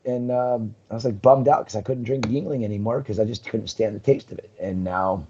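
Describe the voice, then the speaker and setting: A coral business owner appears as a guest on a live talk stream over a video call, telling rambling stories packed with ums and laughing often. His voice is on the low side and warm, a little fast, and the sound is lo-fi with a little hiss or hum.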